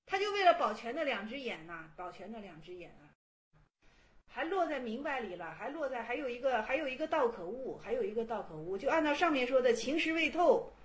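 A woman lectures on Chan Buddhist texts in a loose, conversational style, asking her listeners rhetorical questions and acting out the quotes. Her voice is high and swings widely in pitch. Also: a bit bright. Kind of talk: colloquial lecture.

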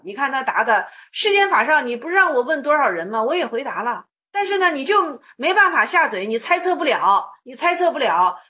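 A woman's voice: sits high, sharp tone. A woman teacher giving a colloquial dharma talk on Chan koans, repeating herself and acting out the dialogues. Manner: colloquial, repetitive, acts out dialogues. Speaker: Buddhist teacher.

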